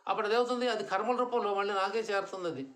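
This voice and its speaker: Quick, bright-voiced man giving a sermon. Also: high-pitched, fairly even intonation. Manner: rhetorical questions, mixes English words. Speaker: satsang speaker. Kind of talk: devotional discourse. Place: devotee's home.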